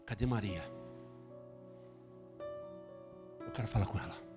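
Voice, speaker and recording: A man voicing Jesus as a gentle, tender man who speaks softly and intimately. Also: fairly low pitch, husky, voice pushed down. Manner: hushed, slow and intimate. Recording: reverberant hall with faint music.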